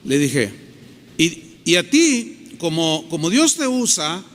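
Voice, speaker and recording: Animated high-voiced preacher man. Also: slow pace, in a large hall. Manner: animated storytelling, acting out quoted dialogue. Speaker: pastor. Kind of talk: sermon.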